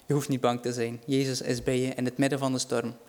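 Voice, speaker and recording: A man's voice: medium pitch, little pitch movement, fast talker, darkish tone. A man preaching a sermon, earnest and reassuring, rising in volume for dramatic quotes.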